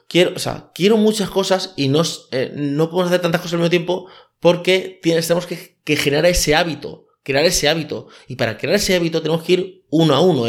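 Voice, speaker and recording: Man, slightly high voice. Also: creaky. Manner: hesitant, frequent "eh" fillers. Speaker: life coach. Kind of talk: casual podcast monologue.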